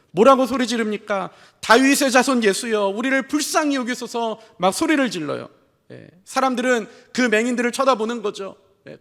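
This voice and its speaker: Male pastor with a high voice, preaching a storytelling sermon and asking the congregation questions, recorded in a church with long reverb. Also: vocal fry, a bit bright. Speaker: senior pastor. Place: church sanctuary.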